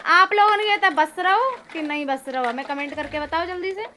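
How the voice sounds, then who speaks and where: Bright-voiced village woman vlogger. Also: very high-pitched, brisk, slight background noise. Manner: chatty, addresses viewers as friends; loud and lively, breaking into laughter. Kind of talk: casual home vlog. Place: home, indoors and outdoors. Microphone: phone camera.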